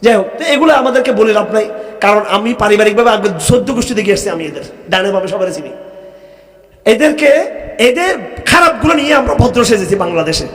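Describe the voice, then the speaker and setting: A man's voice: high voice, animated, fast talker. A Bangladeshi-accented man preaching a fiery sermon, scolding his listeners with rhetorical questions. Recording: echoey hall from far off.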